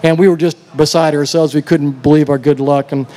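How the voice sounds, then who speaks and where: A man's voice: fairly high pitch, fairly even intonation, fairly quick. A male country singer chatting with the crowd between songs on an outdoor festival stage, telling a story in a rambling, easygoing way into a stage mic. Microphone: stage vocal mic. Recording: live stage sound with loud band. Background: loud live band music.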